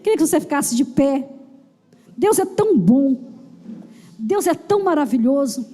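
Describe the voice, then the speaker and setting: A Brazilian Portuguese-accented woman pastor preaches with emphatic repetition, her high but mellow voice carrying through a reverberant church hall. Soft music runs beneath her words. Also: animated, moderate pace. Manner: emphatic preaching with repeated phrases and calls of amen. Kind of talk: sermon. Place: church sanctuary.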